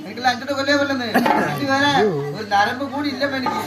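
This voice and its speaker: Woman doing a plaintive devotee in a comedy skit, high voice, echoey. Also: quick pace, natural voice. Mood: pleading. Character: pleading female devotee with woes. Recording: echoey, loud music and crowd.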